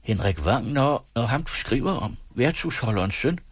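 A man's voice: mid-range voice, big pitch swings, breathy edge, dry recording, pitched above the performer's own voice. Man putting on a weary, doubtful wife. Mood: cold. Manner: cold and doubtful. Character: weary, wary wife and mother.

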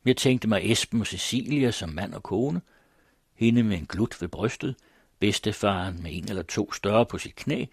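A man narrating a classic literary story aloud in a measured, solemn manner. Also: fairly low pitch, husky, dry recording, studio quality. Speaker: audiobook narrator.

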